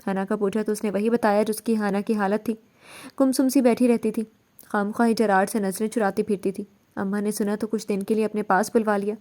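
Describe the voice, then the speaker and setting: A woman narrating a serialized novel in a steady, even storytelling manner. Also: mid-range voice. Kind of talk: novel reading.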